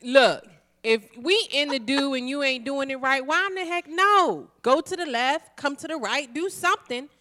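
A woman's voice: sits high, moderate pace, bright, forceful tone. A woman co-hosting a talk radio show, blunt and playful, chatting frankly and laughing often. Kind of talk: casual frank chat.

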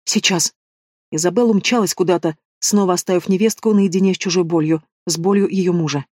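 A man narrating a fantasy audiobook with a steady, expressive reading. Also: sits high, fast, no room sound, studio quality. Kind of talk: scripted narration.

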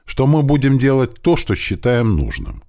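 A man's voice: medium pitch, wildly swooping pitch, normal speed, gravelly, a little mellow, voice pushed up. A man playing a menacing young thug leader who threatens and hisses through his teeth.

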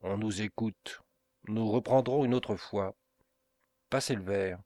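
Grave brooding nobleman, read by a man, low voice, slow measured delivery, audiobook. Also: warm tone, no room sound. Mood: uneasy. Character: brooding proud middle-aged Italian nobleman.

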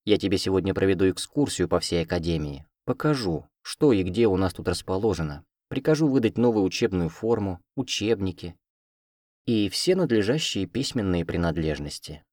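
A man voicing a huge two-tailed male cat spirit who guards a magic academy, speaking calmly and matter-of-factly. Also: low-pitched, normal speed, no room sound, clean studio sound.

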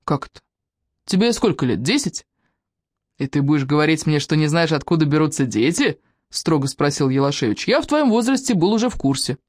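A woman's voice: low-pitched, big pitch swings, a little fast, darkish tone, no room sound, studio quality. A woman voicing an elderly former army officer, fatherly and authoritative. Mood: instructive.

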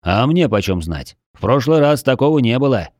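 Brief: male paladin in a game story, offhand and hushed, read by a man narrating the book. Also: medium pitch, very animated, normal speed, no echo, close to an everyday voice. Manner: quiet offhand replies. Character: veteran male paladin player, calm and offhand.

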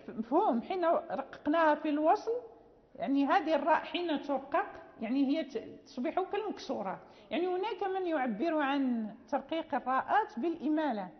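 High-voiced woman teacher, echoey. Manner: patient explaining, often checks understanding; many fillers and restarts. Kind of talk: classroom lecture. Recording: dull lo-fi audio with long reverb.

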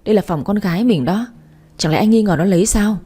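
A woman's voice: mid-range voice, fast talker, dark tone, slightly rough, soft background music, close to an everyday voice. A woman voicing a scheming young stepmother who speaks in a falsely sweet, wheedling way in a storybook reading. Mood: sly coaxing. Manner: fake pleading, wheedling.

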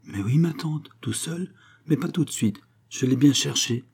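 A man's voice: medium pitch, animated, measured pace, a little mellow, slightly rough, pitched above the performer's own voice. A man voicing an earnest young girl who speaks in a timid, tremulous, pleading way, in an audiobook.

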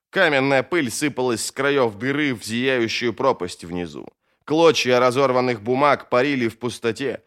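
A man narrating a fantasy novel as an audiobook in a steady, expressive storytelling manner. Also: medium pitch, smooth.

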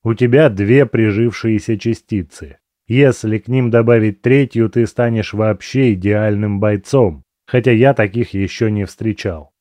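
A man narrating a fantasy audiobook in the first person, in an even, measured storytelling manner. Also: on the low side, no echo.

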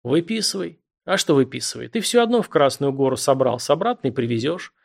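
A man's voice: medium pitch, animated, fast, vocal fry. A man voicing a shrewd, stern middle-aged governor who gives orders in a dry, mocking tone in an audiobook. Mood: commanding. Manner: authoritative, dryly mocking. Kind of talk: audiobook character voice.

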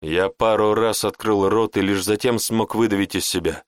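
A man reading a fantasy audiobook in an even, deliberate manner. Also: on the low side, clear, resonant tone, no room sound, clean studio sound. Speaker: audiobook narrator. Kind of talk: scripted fantasy narration.

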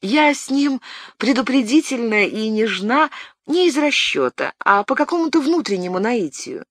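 A reader voicing a young noblewoman, loving and earnest, in an audiobook, with a higher, lighter voice and a tender, pleading way of talking. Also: very animated, normal speed, fairly bright tone, no echo, studio quality. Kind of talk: audiobook narration.

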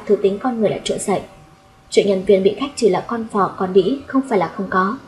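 A woman reading a first-person audiobook story in a steady, blunt way. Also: medium pitch, a little hiss or hum, low-quality recording. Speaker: audiobook narrator.

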